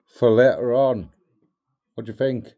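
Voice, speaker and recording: A man with a medium-pitched voice chats to his pets in a casual home-video style. His manner is playful and coaxing, with simple questions that he often repeats as if expecting the animals to answer. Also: unhurried, narrow, tinny audio. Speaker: pet owner vlogger.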